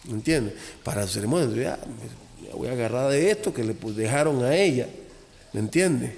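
A man, a voodoo priest, talking as a podcast guest, animated, acting out little dialogues and repeating phrases. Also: mid-range voice, fairly quick. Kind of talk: casual podcast talk. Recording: long echoey reverb.

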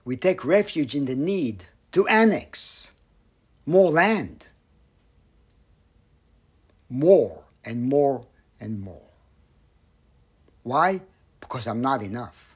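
A man giving a Buddhist dharma talk, slow and reflective, with pauses and some phrases dropped almost to a whisper. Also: fairly high pitch, sing-song, breathy edge. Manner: slow, pausing, with soft near-whispered phrases. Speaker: meditation teacher.

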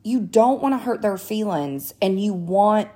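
A woman, co-hosting a podcast in excitable, blunt casual chat. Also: mid-range voice, unhurried. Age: 30s. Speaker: podcast co-host.

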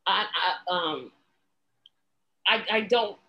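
A woman hosting a casual political talk show, talking in an animated way, often restarting her sentences and adding sarcastic asides. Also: medium pitch, takes it slowly, lo-fi sound. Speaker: podcast host.

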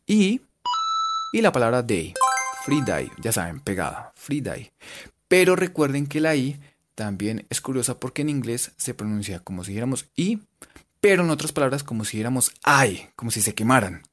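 A young man teaching English pronunciation in a casual video lesson, joking and drilling words slowly. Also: medium pitch.

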